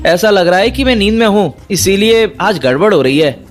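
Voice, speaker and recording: A man's voice: high-pitched, lively intonation, normal speed, faint music behind. An actor playing a flustered young man who keeps apologizing and defending himself in an audio drama. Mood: defensive. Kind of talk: Hindi audio drama acting.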